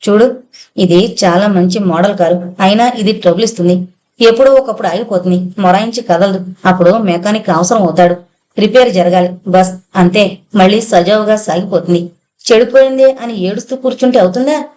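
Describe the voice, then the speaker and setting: A woman's voice: medium pitch, a little fast, a little mellow, close to an everyday voice. A woman voicing a tough male outlaw who speaks harshly and with command. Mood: lecturing. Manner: harsh, commanding, then lecturing.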